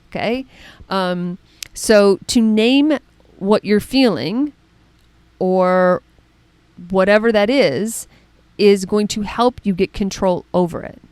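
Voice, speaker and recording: A middle-aged woman coach giving a casual spoken lesson, chatty and animated, often checking in with "right?" and "okay?". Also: mid-range voice, no echo. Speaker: mental performance coach.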